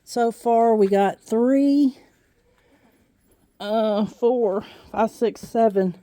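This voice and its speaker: A woman's voice: a little high, drawn-out words, dark tone, no echo. A woman talking to her viewers and animals while doing outdoor farm chores on a handheld phone, with sing-song calls to her animals and a bit out of breath. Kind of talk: casual vlog narration while feeding animals. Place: outdoors on a small farm with goats, pigs and chickens.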